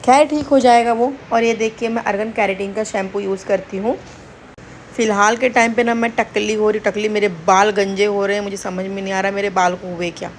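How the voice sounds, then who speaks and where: A woman's voice: mid-range voice, steady tone, a little fast, slight background noise. A young woman chatting to viewers in a casual home vlog, recorded indoors. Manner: chatty, addresses viewers directly. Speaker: vlogger.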